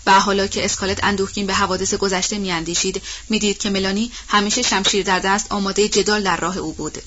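A woman narrating a novel as an audiobook, telling the story in a measured, expressive way. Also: medium pitch, dull audio.

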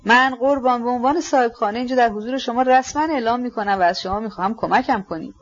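A woman's voice: medium pitch, expressive, muffled recording, close to an everyday voice. A woman reading aloud, voicing a fussy, agitated middle-aged male landlord who insists obsequiously. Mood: insistent.

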